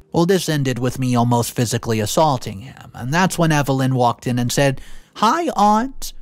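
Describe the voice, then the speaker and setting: A man reading a first-person Reddit story aloud, with sudden jumps in pitch on stressed words. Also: dry recording. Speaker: story narrator.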